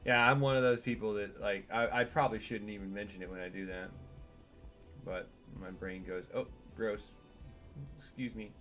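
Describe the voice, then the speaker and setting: A man's voice: lowish voice, flat delivery, fairly quick, a bit bright, faint music behind. Chatty man streaming a game at home. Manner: chatty and digressive, talks to his cat while playing. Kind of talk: casual gameplay stream commentary.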